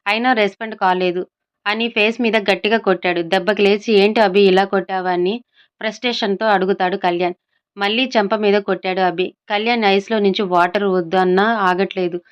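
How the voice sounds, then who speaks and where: A woman reads out a love story as its storyteller, speaking every character's lines in her own everyday voice. Her voice is smooth and clear, at a middle pitch. The recording sounds slightly dull and lo-fi. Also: steady tone, brisk. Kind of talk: scripted story narration.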